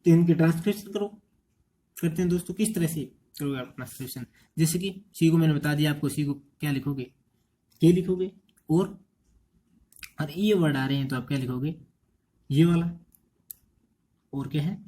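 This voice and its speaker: A man's voice: a little high, moderate pace, long pauses, warm tone. An Indian man teaching an English transcription lesson, quizzing students with repeated rhetorical questions. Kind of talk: exam-prep lecture.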